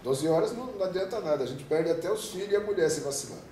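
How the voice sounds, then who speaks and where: Here the Brazilian union president, a man in his fifties, sounds high, dark-toned and expressive, talking rapid-fire. His lengthy interview answers are emphatic and wandering, full of rhetorical questions. An echoey room, distant mic and faint noise color the recording.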